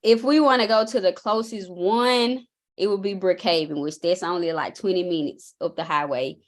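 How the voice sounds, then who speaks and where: A young woman with a Southern drawl from Mississippi, talking in a relaxed, folksy way as an interview guest. Her voice sits a little low for a woman, and she tells things in easy, rambling runs. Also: normal speed. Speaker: basketball coach, guest. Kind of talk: casual interview.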